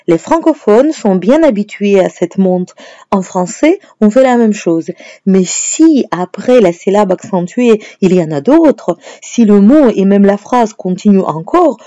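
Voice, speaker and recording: Woman narrating a lesson, slow careful explaining, kinda muffled lo-fi audio. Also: medium pitch, mellow, no room sound. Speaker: language teacher.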